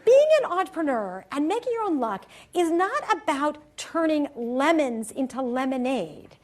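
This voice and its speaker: A woman's voice: high voice, sing-song, normal speed. A woman lecturer giving an upbeat motivational talk on stage, telling a story and laughing at her own punchlines. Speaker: university lecturer.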